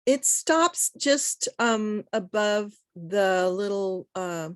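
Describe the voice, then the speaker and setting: A woman moderator answering in short, hesitant bits, drawn out at a very slow pace. Her voice is dry and close, with no room sound, and comes through a video call. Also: medium pitch, expressive, smooth, dry recording. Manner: hesitant, brief replies.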